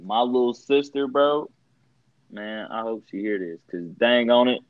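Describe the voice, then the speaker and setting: A man's voice: mid-range voice, unhurried, no room sound. A young man bantering casually as a co-host, with loose, slangy bro talk, in a slightly dull, dry recording.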